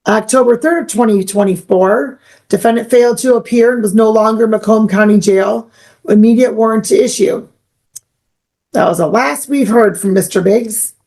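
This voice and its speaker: A woman's voice: fairly high pitch, normal speed, darkish tone. A young woman judge speaking firmly and stating procedure in court. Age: young adult. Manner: firm, stern, procedural.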